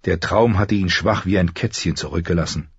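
A man reads a fantasy audiobook in a calm, measured narration. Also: deep voice, slightly rough, no room sound. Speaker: audiobook reader. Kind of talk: scripted narration. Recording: dull lo-fi dry recording.

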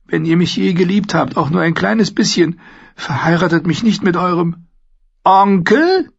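A frightened young lady of a royal court speaks softly in a raised voice, as a male narrator puts her on. The voice keeps a husky grain. The recording sounds dull and lo-fi. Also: mid-range voice, fairly even intonation, moderate pace, voice pushed up. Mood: pleading. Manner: soft, pleading. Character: frightened young noble girl. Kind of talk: audiobook character voice.

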